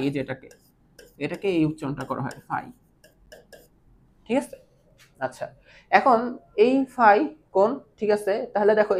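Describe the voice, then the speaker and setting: A woman's voice: medium pitch, darkish tone. Patient woman teaching math. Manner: patient, keeps checking understanding with questions; mixes English math terms into her speech. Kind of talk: online math lesson.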